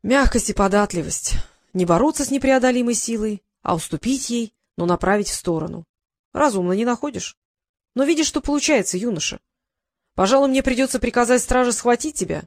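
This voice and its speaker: A woman's voice: on the high side, lively intonation, a little fast, no room sound, studio quality. A woman reading an audiobook, voicing a scheming, haughty court vizier with a mocking, condescending tone.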